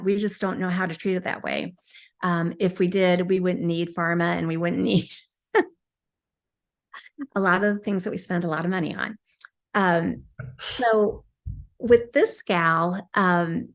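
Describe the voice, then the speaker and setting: A woman hypnosis practitioner, guest on a podcast, recounting a client session in a chatty way, with frequent ums and restarts. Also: on the low side. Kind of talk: casual storytelling.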